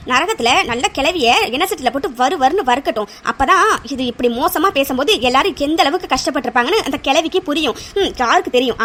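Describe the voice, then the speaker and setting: Cartoon sidekick: woman voicing a fiery young friend, high and fast, always scolding. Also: fairly bright tone. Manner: rapid ranting, teasing and scolding. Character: chatty, hot-tempered young woman, loyal best friend.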